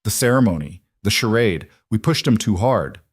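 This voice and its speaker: A man's voice: fairly low pitch, lively intonation, normal speed, breathy edge, no room sound, clean studio sound. A man voicing a frightened, stubborn young woman in an audiobook, pleading and urgent. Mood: desperate. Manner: pleading, urgent, rising to screams.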